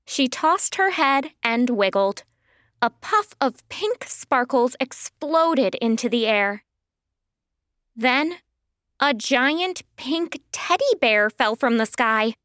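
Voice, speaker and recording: A woman narrating a children's audiobook in a slow, sing-song storytelling manner, recorded close to a studio mic. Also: high-pitched, lively intonation, a bit bright, clean tone, no echo.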